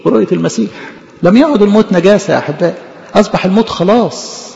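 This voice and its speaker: A fast-talking Egyptian preacher with a high, gravelly voice. He keeps asking questions and answering them himself. The sound is dull and lo-fi, with a long echo from a big hall. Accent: Egyptian Arabic. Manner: animated, poses rhetorical questions and answers them. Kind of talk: sermon.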